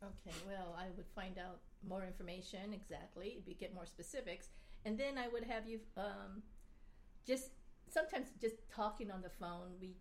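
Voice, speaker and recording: A woman being interviewed, calmly explaining her working process step by step. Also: mid-range voice, normal speed, a little hiss or hum. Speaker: guest. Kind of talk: casual interview.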